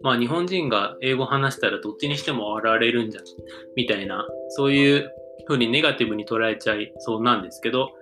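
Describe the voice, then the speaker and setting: A man presenting English pronunciation tips in a casual solo talk, relaxed and thinking aloud with fillers as he explains. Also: medium pitch, fast, over music.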